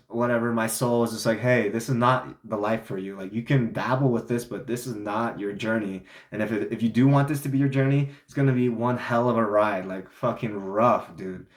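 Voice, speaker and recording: The echoey room carries the mid-range voice of a young vlogger who sounds congested. He rambles through a casual story. His telling is packed with fillers and restarts.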